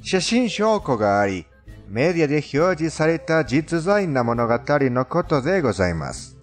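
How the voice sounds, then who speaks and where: A male narrator with a non-native accent tells a story in formal, scripted, somewhat stilted language, his fairly high voice lively and melodic at a normal speed. Music plays underneath as he narrates a fandubbed countdown video.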